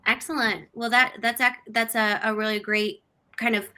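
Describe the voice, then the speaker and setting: A woman's voice: fairly high pitch, level tone, moderate pace, pushed and bright. A woman hosting a live-streamed business panel on a video call, asking questions in an upbeat, affirming way. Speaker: webinar host.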